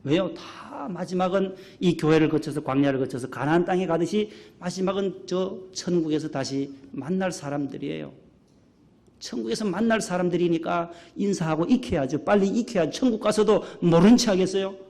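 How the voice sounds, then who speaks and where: Gravelly middle-aged Korean pastor preaching. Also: male voice, sits high, normal speed. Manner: lively, asks the congregation questions and acts out greetings. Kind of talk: sermon. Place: church sanctuary.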